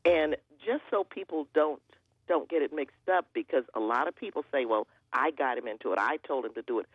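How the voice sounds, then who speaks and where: Older woman guest, husky storyteller, dull lo-fi line. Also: very deep voice, brisk, dry recording. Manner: storytelling, animated quoting.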